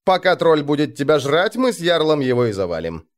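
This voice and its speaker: A man's voice: a little high, big pitch swings, a little fast, pitched above the performer's own voice. Man doing a cranky old Viking. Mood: grumpy sarcastic. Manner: cranky, sneering. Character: grumpy old male Viking warrior, sarcastic.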